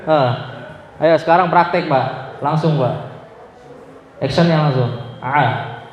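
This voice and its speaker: A man's voice: a little high, slow. A man teaching Quran recitation to a class in a prayer room, patiently drilling letter sounds one by one. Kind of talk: tajwid class, coaching students. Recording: roomy hall, dull lo-fi sound, crowd around.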